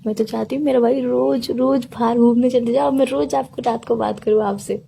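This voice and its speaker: A woman playing an indignant girlfriend in a comedic phone-call sketch, keeping her voice hushed and pleading. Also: a little high, steady tone, normal speed, gravelly, slight background noise.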